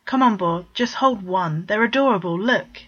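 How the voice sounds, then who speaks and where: A woman's voice: mid-range voice, normal speed, husky, natural voice. A woman voicing a nervous young man who covers up a secret and then coaxes his brother, on a dull lo-fi recording. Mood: coaxing. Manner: flustered, evasive, then teasing.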